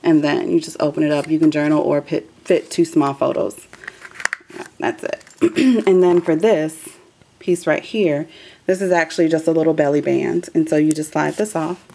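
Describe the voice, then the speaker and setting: A woman's voice: low voice, steady tone, normal speed, dark tone, slight background noise. A woman hosting a craft video, chatting loosely with many ums as she shows her work at a table. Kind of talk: casual craft walkthrough.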